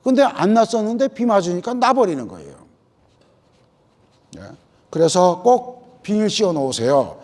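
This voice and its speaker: Lively high-voiced man giving a farm lecture. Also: moderate pace, long pauses. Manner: folksy, tells anecdotes, acts out farmers' lines. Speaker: agricultural lecturer. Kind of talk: farmer training lecture. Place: lecture hall.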